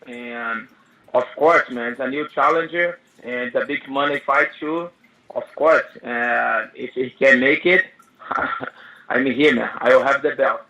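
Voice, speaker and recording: Bright-voiced man over a speakerphone. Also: mid-range voice, unhurried. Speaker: interpreter. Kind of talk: first-person interpreting on a press call. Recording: dull speakerphone line on a conference call.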